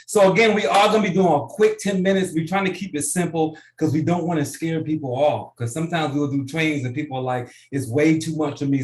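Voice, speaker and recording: A man coaching a business group through a software tutorial on a video call, casual and often checking in with "right?". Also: fairly high pitch, reverberant. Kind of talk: online tutorial training.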